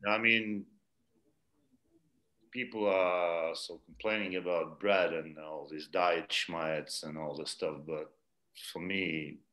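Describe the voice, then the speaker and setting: Deep slow guy from ukraine, laid-back on a video call. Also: steady tone, sharp tone. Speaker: guest. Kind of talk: casual online interview. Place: indoor room, video call. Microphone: laptop mic on video call.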